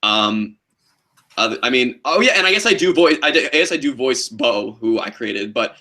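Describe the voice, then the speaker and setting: Bright-voiced man chatting easily. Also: medium pitch, moderate pace. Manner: relaxed, lots of fillers. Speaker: show creator and voice actor. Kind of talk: casual podcast chat.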